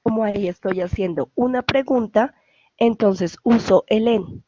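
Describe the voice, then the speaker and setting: A woman's voice: medium pitch, normal speed, warm tone, dull audio, slight background noise. A woman with a Colombian Spanish accent, an English tutor patiently explaining grammar over a video call and often checking for questions. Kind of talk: online class explanation.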